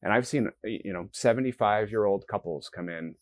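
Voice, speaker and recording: This is a man with a notably deep, low voice, speaking in an interview. He explains things earnestly and step by step, slipping into quoted self-talk along the way. The sound is close and dry, with no room echo. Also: a little fast. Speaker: guest, company founder. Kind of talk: interview conversation.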